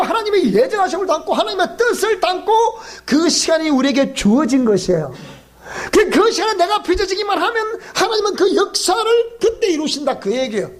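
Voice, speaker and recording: A male pastor with a Gyeongsang accent, preaching in a joking way, quizzing the congregation and laughing often. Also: extremely high pitch. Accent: Gyeongsang Korean. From South Gyeongsang, Korea. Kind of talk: sermon at a weeknight Bible school. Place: church.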